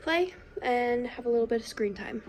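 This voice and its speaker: A woman's voice: on the high side, lively intonation, normal speed, poor audio. A young woman, a stay-at-home mom, chatting casually through her day's chores in a home vlog. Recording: music playing under the voice.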